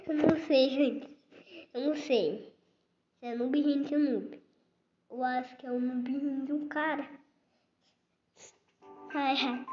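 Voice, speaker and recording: Brazilian woman gamer, high and excitable, unhurried delivery, swears casually; lo-fi sound with game music behind. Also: a little hiss or hum. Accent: Brazilian Portuguese. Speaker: gaming YouTuber. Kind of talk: casual gameplay commentary.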